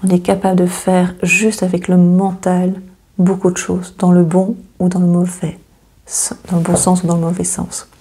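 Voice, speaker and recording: A woman talks through an astrology reading in a low, husky, gravelly voice with a dark, mellow tone. Her delivery is fairly flat and hesitant, full of fillers and repeated words. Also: moderate pace. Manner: hesitant, many fillers and repeats, gently reassuring. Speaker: astrology channel host. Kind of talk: casual astrology reading to camera.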